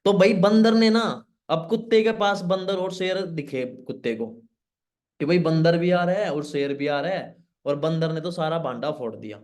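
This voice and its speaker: A man from Pakistan who mentors young people, telling a fable in an energetic motivational session. He quizzes his listeners and mixes English into his speech. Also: on the high side, normal speed. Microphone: online session.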